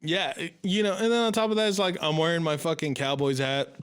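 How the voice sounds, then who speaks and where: A man's voice: a little high, fairly quick, clear, resonant tone. A young man co-hosting a casual podcast, telling a story with lots of swearing and acted-out quotes. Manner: animated, acts out quoted voices, swears a lot. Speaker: podcast co-host.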